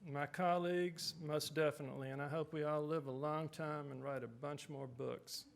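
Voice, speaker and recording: A male author giving relaxed, self-deprecating remarks at a writers' conference, then reading his own short story aloud. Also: fairly high pitch, normal speed, gravelly, a little hiss or hum.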